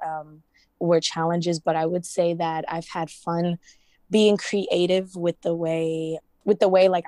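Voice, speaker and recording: A woman's voice: lowish voice, mellow, no echo. A young woman from Ghana, raised in the US, talking casually as a student representative, with many fillers. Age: young adult. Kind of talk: casual interview.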